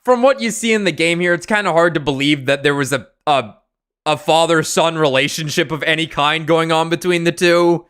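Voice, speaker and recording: A man's voice: a little high, a little fast, fairly bright tone, clean tone. Rambling young man streaming a game. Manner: rambling, with many fillers and restarts. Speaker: streamer, host. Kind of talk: casual chat during a game stream.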